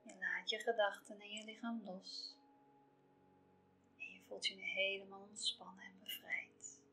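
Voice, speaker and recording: Female meditation narrator: soft, breathy half-whisper, steady and even, bright tone, soothing measured phrasing. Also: mid-range voice, slight background noise, low-quality recording. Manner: slow, measured, calming phrasing with pauses. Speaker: guided relaxation narrator for pregnancy. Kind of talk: scripted guided relaxation meditation. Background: soft music.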